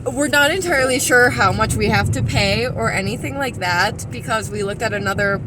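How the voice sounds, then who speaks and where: A woman's voice: fairly high pitch, moderate pace, noisy background. A woman chatting casually on a vlog, chiming in with brief remarks beside her partner. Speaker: vlogger.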